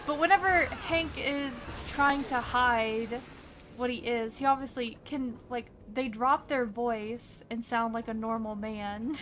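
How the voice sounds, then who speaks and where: A woman's voice: a little high, steady tone, slow, fairly bright tone. A young woman streaming a game, chatting casually and giggling as she talks to the characters. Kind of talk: casual gameplay commentary. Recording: game sound noise behind.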